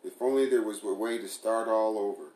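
Man doing a bitter young woman, pleading, pressing, lowish voice, echoey room. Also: steady tone, fairly quick, a little mellow, close to an everyday voice. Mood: hurt, pressing. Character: hurt, sarcastic young woman confronting her partner. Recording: roomy echo.

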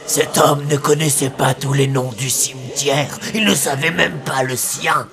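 A man doing a small, anxious, gravelly skeleton. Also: medium pitch, steady tone, measured pace, over music. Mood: realizing. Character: small nameless skeleton, young and confused. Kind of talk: audio drama acting.

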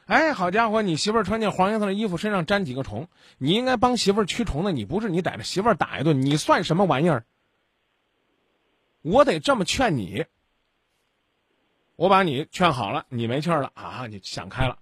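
A man's voice: high voice, very animated, brisk, a bit bright, breathy edge, no echo, studio quality. A man hosting a radio call-in advice show, scolding and lecturing a caller bluntly.

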